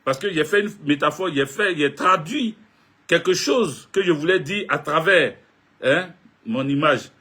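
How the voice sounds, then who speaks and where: A man's voice: on the high side, expressive, unhurried, bright, forceful tone, husky. A man, a political video blogger, talking casually and jokingly straight to his viewers. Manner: joking, chatty, addresses viewers directly.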